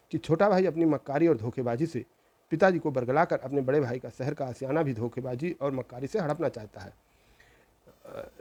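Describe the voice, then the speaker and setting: Earnest storytelling man, mellow voice. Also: a little high. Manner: earnest, reproachful, with repetitions. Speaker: channel host. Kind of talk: moralizing storytelling.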